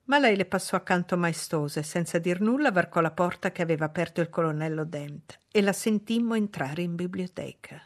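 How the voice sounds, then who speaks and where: A woman reading a novel aloud as narrator, in a measured, even delivery. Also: on the low side. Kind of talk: scripted audiobook narration.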